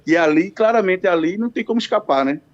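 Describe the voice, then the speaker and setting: A man's voice: sits high, expressive, quick pace, highs cut off. A Brazilian man speaking as a radio show caller in a live religious debate, hesitant and repeating his phrases, over a call-in line.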